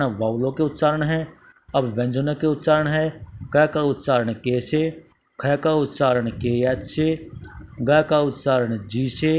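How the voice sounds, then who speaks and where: Male teacher, unhurried and methodical, recites pronunciation rules item by item for a lesson. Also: mid-range voice, slight background noise. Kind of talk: spoken language lesson.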